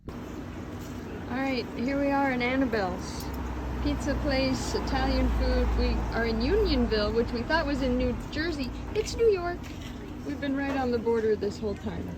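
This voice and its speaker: A woman's voice: sits high, moderate pace. A middle-aged woman narrating a casual family hiking vlog on a handheld camera, chatty and upbeat with frequent laughs. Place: outdoors on a hiking trail. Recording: noisy outdoor recording.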